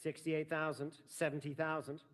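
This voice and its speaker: A man's voice: a little high, little pitch movement, normal speed. A man working as an auctioneer, formally and courteously announcing lots and calling out bids at a live sale.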